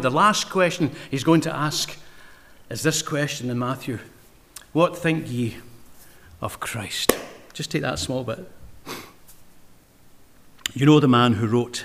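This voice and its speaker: A man preaching a sermon, impassioned, rising to loud emphasis and dropping to quiet, low asides, reading verse slowly and deliberately.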